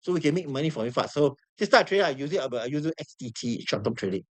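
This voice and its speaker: A trading instructor with a Singaporean English accent leads a live class, his voice hoarse as he loses it. He repeats himself a lot and fires questions at the room. His pitch runs high, with lively intonation and a racing pace.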